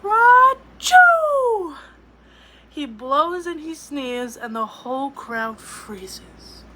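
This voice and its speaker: A woman reading a picture book aloud to children, playful and expressive with little asides to her listeners. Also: high voice, slow, slight background noise, poor audio. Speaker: storyteller.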